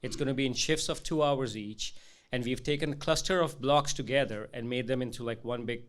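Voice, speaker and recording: A man's voice: mid-range voice, brisk. A man, a volunteer member, giving an informal presentation at a meeting.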